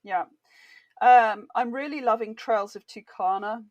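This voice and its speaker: An enthusiastic British woman chats easily as a podcast guest, talking through games with warmth and quick laughs. Her voice sits a little high, recorded dry and close. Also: dry recording, highs cut off. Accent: British English. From Britain. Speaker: guest, board game author. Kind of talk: casual interview chat.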